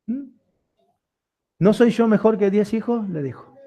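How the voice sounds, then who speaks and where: A man's voice: high voice, a little slow, warm tone. A man, a pastor preaching a sermon with repeated rhetorical questions and building intensity.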